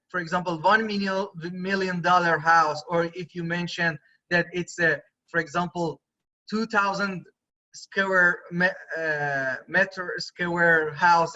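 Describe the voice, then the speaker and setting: Male photography instructor, bright tone, conversational online lecture, muffled low-fidelity audio. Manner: conversational, often checks in with students. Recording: dull lo-fi recording.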